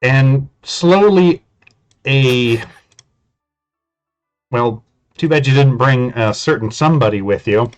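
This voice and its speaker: A man casually narrating a tabletop game as game master, in an informal way. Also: mid-range voice.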